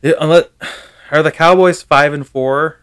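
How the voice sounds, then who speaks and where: A man co-hosting a sports podcast in casual chat, sarcastic and quick to swear. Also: on the high side, fairly even intonation, a bit bright, clean tone. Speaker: podcast co-host.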